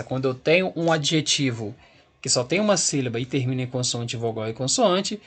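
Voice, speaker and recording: Husky-voiced man teaching grammar patiently. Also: on the high side, fairly bright tone. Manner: patient, checks in with rising "ok?". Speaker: English teacher. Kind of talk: explaining grammar at a board.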